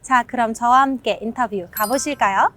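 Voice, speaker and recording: A woman hosting a casual street interview, asking questions eagerly and backing the guests with quick short replies. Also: fairly high pitch, very noisy.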